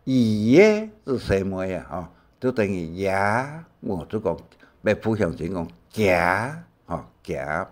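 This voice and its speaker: An older man giving a slow language lesson, drawing out his explanations with many fillers. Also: deep voice, big pitch swings. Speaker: teacher.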